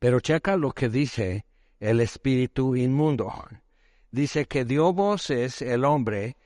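A man's voice: mid-range voice, expressive, slow, darkish tone, no echo. Male pastor, casual sermon delivery with rhetorical questions, dry sound. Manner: conversational, rhetorical questions, acts out voices.

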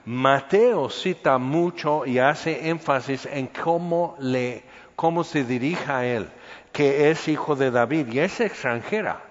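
A man's voice: mid-range voice, slow pace. Man, casual preacher, long reverb, muffled sound. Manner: conversational, acts out voices with humor. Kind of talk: informal Bible teaching.

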